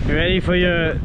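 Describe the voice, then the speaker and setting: Excitable high-voiced man outdoors. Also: muffled recording. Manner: excitable, exclaims often. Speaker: fishing vlogger. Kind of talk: excited fishing commentary. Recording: wind and boat noise.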